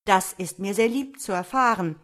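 Woman reading Mistifax, loud young peasant. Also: mid-range voice, moderate pace, lightly acted. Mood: exclaiming. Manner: loud, exclaiming. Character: young male peasant, fretful, sly.

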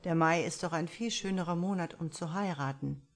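A woman's voice: lowish voice, normal speed, lightly acted. A woman reading a teasing, joking man. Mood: playful. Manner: playful, teasing. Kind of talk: audiobook dialogue reading.

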